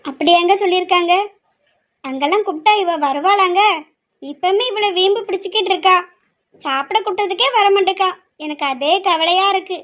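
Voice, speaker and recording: A woman voicing a worried middle-aged mother who pleads slowly and sometimes scolds. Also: very high-pitched, fairly bright tone. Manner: slow, pleading, scolding at times. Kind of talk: amateur family drama.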